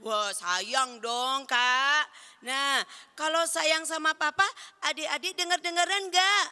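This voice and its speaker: A woman's voice: high voice, slow pace, pushed and bright, in a large hall. A woman teaching children at Sunday school in a playful way, asking them questions and answering for them.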